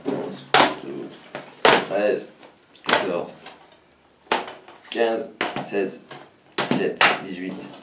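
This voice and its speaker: A flea market video host with a southern French accent chats casually during a live unboxing, counting aloud as he displays a pile of games. His voice is low, expressive, and very slow with long pauses, recorded far from the mic in a noisy, echoey room.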